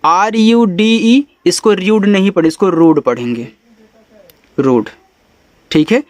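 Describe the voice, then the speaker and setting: A man, teaching English phonics, spelling letters out slowly and sounding words out in a chatty way. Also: high voice, big pitch swings, dry recording. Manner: calls the listener brother, chatty teaching. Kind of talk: phonics lesson for beginners.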